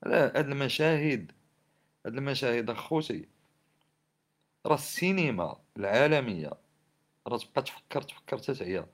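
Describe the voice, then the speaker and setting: A man's voice: mid-range voice, animated, a little fast, long pauses. A man with a Moroccan Arabic accent giving impassioned social commentary in an indignant, scolding way, firing off rhetorical questions. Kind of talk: impassioned spoken commentary on society and government.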